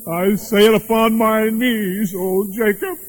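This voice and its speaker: Old miser turned giddy and joyful, played by a man. Very high, slow and drawn-out delivery. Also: steady tone, soft background music, low-quality recording. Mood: pleading remorse. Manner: pleading, then overjoyed and breathless with laughter.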